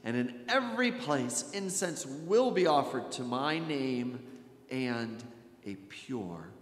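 A middle-aged American man, a Lutheran pastor, preaches from the pulpit of a church sanctuary with an emphatic, expressive delivery at a medium pitch. He leans on dramatic pauses and repetition and often drops to a hush. A gooseneck pulpit mic picks him up in an echoey hall with background hiss.

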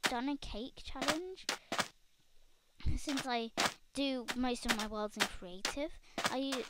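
A young woman talks her viewers through a block-building game, chatty and excitable. Her voice is high and she speaks slowly. A loud hiss of noise sits under the whole recording. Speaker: gaming channel host. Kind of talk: casual gameplay commentary.

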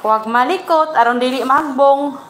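A woman's voice: sits high, brisk, a bit bright, a little hiss or hum. A woman hosting a casual livestream, chatting with viewers and cooing baby talk at her puppy. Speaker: livestream host.

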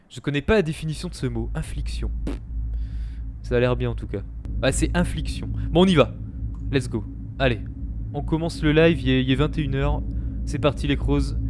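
A man hosting a live let's-play, chatting to his viewers and reacting excitedly to the game. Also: on the high side, a little hiss or hum. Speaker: gaming streamer, host.

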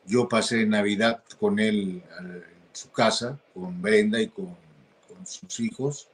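A man answering interview questions in a hesitant, halting way, with many restarts. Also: on the low side. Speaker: interview guest.

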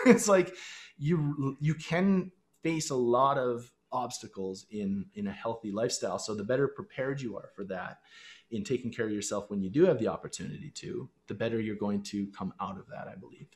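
A man in his thirties speaks through a headset from a small room at home, guesting on a podcast. He coaches the listeners directly and earnestly, at a mid pitch that is common for a man. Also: moderate pace. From Canada. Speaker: fitness and lifestyle coach guest. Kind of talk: podcast interview over video call. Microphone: headset on a video call.

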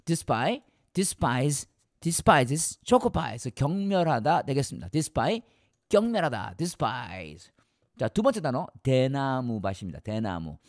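A man's voice: medium pitch, big pitch swings, slow, no echo, studio quality. A man teaching English vocabulary in a playful way, acting out little scenes to explain the words.

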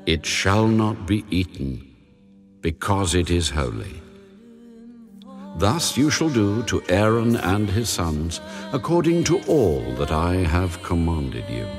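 An actor playing God as a solemn, commanding male deity, giving sacred instructions deliberately in a dramatized audio Bible. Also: sits low, big pitch swings, exaggerated voice. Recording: long reverb over background music. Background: music.

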